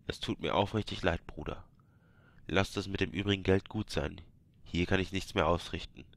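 A man voicing a regretful priest who speaks quietly and subdued. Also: low-pitched, steady tone, moderate pace, creaky, dry recording. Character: regretful male priest, soft-spoken.

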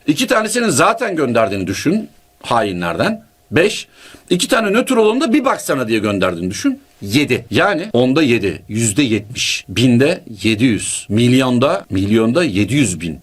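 A man giving an emphatic political commentary monologue, firing rhetorical questions and walking through numbers step by step. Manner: emphatic, rhetorical questions, sudden pitch jumps.

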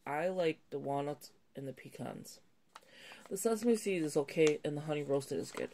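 A woman vlogger, slightly nasal from a cold, chats casually at a home table while showing items in a haul video. Her low, mellow voice keeps a moderate pace as she rambles and corrects herself, with slight background noise.

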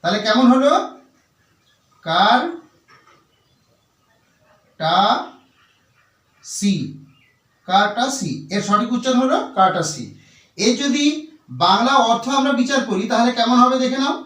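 Man, very high voice, slow patient teacher, spells words out, distant from the mic. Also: a bit bright, roomy sound. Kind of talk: Bengali-language English vocabulary lesson.

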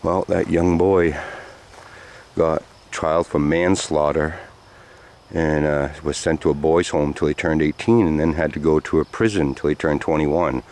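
Very deep-voiced man rambling outdoors. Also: fairly even intonation, measured pace, a little mellow. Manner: rambling, loose with many fillers. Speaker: vlogger. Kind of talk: walking storytelling vlog. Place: outdoors on sandy trails by woods. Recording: faint outdoor noise.

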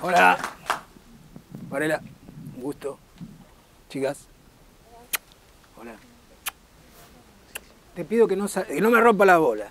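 A man's voice: fairly high pitch, very animated, slow pace, pauses often, a bit bright, slight background noise, pitched below the performer's own voice, full character voice. A man voicing a cheeky male puppet with a Rioplatense Argentine accent, greeting a crowd with crude, teasing banter.

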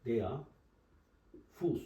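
A man teaching a language lesson at a board, explaining pronunciation and slowly repeating each example word. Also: warm tone. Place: room with a writing board. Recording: roomy echo, voice from a distance.

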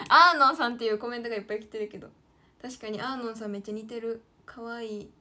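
Fairly high in pitch, bright, and forceful, the voice comes from a late-teen idol streamer from Kyoto, Japan. She chats with viewers and herself in Kyoto Kansai dialect as she draws, referring to herself by name along the way.

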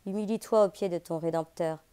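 A woman's voice: lowish voice, fairly even intonation, brisk, mellow, smooth, close to an everyday voice. A woman voicing a stern, solemn man. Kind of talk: audiobook character voice.

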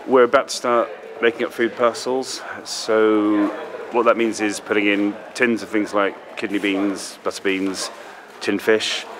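A man in his forties from England, a volunteer explaining his work calmly in a large warehouse. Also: on the low side, measured pace, crowd noise. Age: 40s. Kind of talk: interview.

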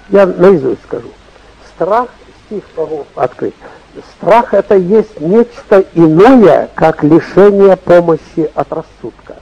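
A man's voice: sits high, gravelly, warm tone, husky, dull audio. An older man, a bishop, preaching in a rambling, repetitive folksy way, heard on an old dictaphone tape recording. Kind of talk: sermon.

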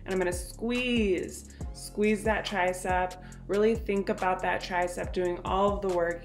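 A young fitness vlogger in her twenties, mid-range voice and reverberant sound, chats in a bubbly way about her workout plan and how to do the exercises. The upbeat vlog is shot on a phone camera at arm's length, starting at home, moving to the car, then becoming voice-over on gym clips.

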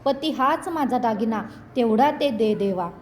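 A woman's voice: a little high, lively intonation, measured pace, slight background noise. A woman voicing a mother praying in desperate devotion. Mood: pleading prayer. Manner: pleading, imploring prayer. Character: devout young mother praying tearfully for her husband.

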